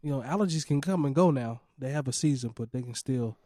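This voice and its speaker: Hoarse, laid-back male podcast host. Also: medium pitch, quick pace, mellow, no echo, clean studio sound. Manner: laid-back, laughs often, slangy. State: hoarse from allergies. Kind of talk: casual podcast chat.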